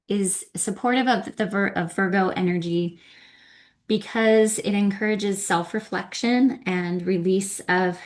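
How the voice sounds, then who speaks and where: A woman teaching yin yoga, guiding each movement in a gentle, soothing, unhurried manner. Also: medium pitch. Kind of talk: guided yoga class instruction.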